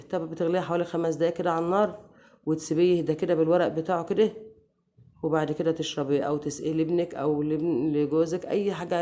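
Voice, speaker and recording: An Egyptian woman, hoarse from a cold, hosting a casual home remedy tutorial and chatting affectionately to her viewers. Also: sits low. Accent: Egyptian Arabic. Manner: warm, chatty, addresses viewers as dear sisters. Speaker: home cooking channel host.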